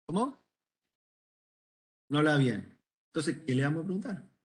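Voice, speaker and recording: Teaching medical students, a middle-aged ENT doctor speaks at normal speed in a highish, very animated voice marked by a Rioplatense Spanish accent. His conversational lecture includes questions to the class and stories from his practice.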